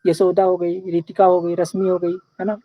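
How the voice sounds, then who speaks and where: A man's voice: high voice, completely flat delivery, moderate pace, dry recording, phone-quality sound. A young man teaching a live online class in a casual, chatty way, often checking in with his students.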